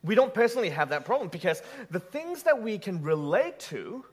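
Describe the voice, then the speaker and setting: Brisk and slightly rough, a fairly high male voice with big pitch swings delivers a sermon in a church hall. The Malaysian-raised preacher stays conversational instead of formal, cracking jokes and throwing questions at the audience.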